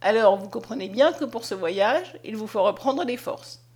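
A woman reading the lines of a kind, caring lady in a storybook, gentle and reassuring. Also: fairly high pitch, expressive, normal speed.

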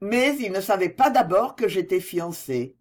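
A reader voicing a dignified young woman in an audiobook, speaking in a higher, earnest, pleading tone. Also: animated, moderate pace, darkish tone, natural voice. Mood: indignant. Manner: pleading, low and effortful. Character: dignified young woman, frightened but proud. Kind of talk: audiobook dialogue reading.

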